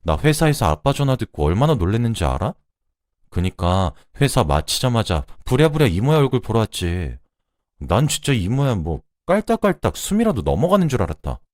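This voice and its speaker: A playful young woman wheedles and teases in a lively, sing-song voice, as a man puts her on for a radio drama. Her pitch leaps well above the reader's own, and the sound is close and dry. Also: brisk, no echo. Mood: insistent. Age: young adult. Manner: playful, pleading, teasing. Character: bubbly young woman, cheeky niece.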